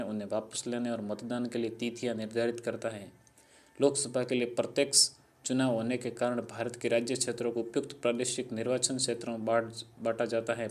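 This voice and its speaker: A man narrating a civics explainer in a monotone reading style, with small slips now and then. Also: mid-range voice.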